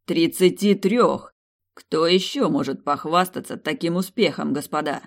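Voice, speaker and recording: A man voicing a young male emperor who scolds his ministers with slow, sarcastic rebukes in an audiobook. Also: fairly high pitch, fairly even intonation, natural voice. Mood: cold anger. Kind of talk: audiobook character voice.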